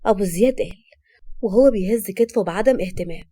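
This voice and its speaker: A woman's voice: medium pitch, fast talker, mellow. A woman with an Egyptian accent narrating a crime story in a dramatic, suspenseful way.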